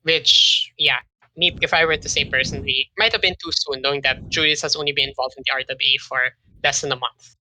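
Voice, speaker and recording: A young man as a podcast guest, talking in a loose, rambling way with many pauses and restarts. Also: mid-range voice, steady tone, bright, forceful tone, slight background noise, rough recording. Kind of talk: casual podcast chat.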